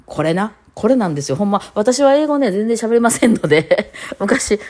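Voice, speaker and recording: A woman's voice: mid-range voice, expressive, normal speed, a little mellow. A woman with a Kansai accent, in her thirties, hosting a casual solo talk show and chatting in a rambling way full of fillers and self-corrections. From Japan. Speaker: podcast host, violinist. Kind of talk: casual solo talk, reading a listener message.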